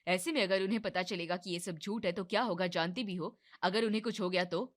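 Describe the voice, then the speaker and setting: A woman's voice: brisk, lightly acted. A woman voicing a young husband in a cartoon family drama, placating his wife and mother. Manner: soft, placating, lower voice. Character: young husband, soothing and evasive.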